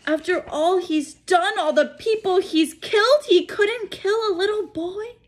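A woman voicing an agitated, incredulous older witch professor in a storybook read-aloud, speaking emphatically. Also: a little slow. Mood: distressed disbelief. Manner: incredulous, emphatic, high-strung.

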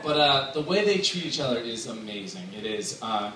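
A mid-range, sing-song voice at a moderate pace belongs to a man in his thirties giving a joking, casual best man's toast, chatting and laughing between lines. It's recorded from afar in a large indoor wedding tent with a dance floor, his handheld mic running through speakers. The tent is echoey and loud, full of guests laughing and cheering.

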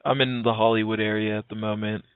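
Over a narrow, tinny phone line, a man in his early twenties makes a prank call, sounding sincere while talking in a casual, slangy, hesitant way. His voice is lowish with little pitch movement, his pace is quick, and there's no room sound.

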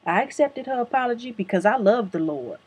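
A woman vlogger telling a comic story in a brash, profane, deadpan manner with a husky voice. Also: fairly high pitch, a little fast.

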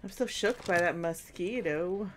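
A woman's voice: lowish voice, measured pace, a little hiss or hum. A woman in her thirties chatting casually and playfully with her partner while he plays a game, swearing and laughing easily. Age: 30s. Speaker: streamer's partner. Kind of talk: casual chat.

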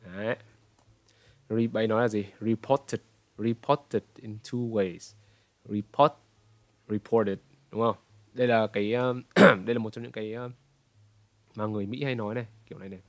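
A man in his twenties from Vietnam, correcting pronunciation and repeating words slowly to demonstrate. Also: on the low side, little pitch movement, no echo. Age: 20s. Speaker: pronunciation coach. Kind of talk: reaction commentary correcting pronunciation.

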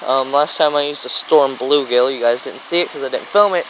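A mid-range, slightly bright male voice talks a little fast as an American vlogger rambles eagerly through a casual fishing video. He's outdoors on a grassy riverbank, recorded poorly on a handheld camera mic, with a stream and traffic audible.

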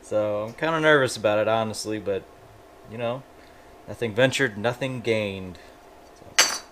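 In a small indoor garage workshop, the host of a motorcycle build channel explains a hands-on build, thinking aloud in a casual, informal way. His voice is fairly low and his pace normal, with a noisy background.

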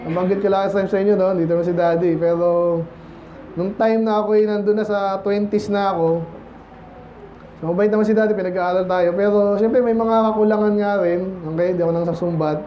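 A man with a high voice preaches a Sunday sermon in a loose, conversational way, slipping English phrases into his talk. He keeps checking in with the congregation for an "Amen." The recording is somewhat dull, with faint noise underneath. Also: fairly even intonation, fairly quick. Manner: mixes English phrases into Tagalog. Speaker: pastor. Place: church.

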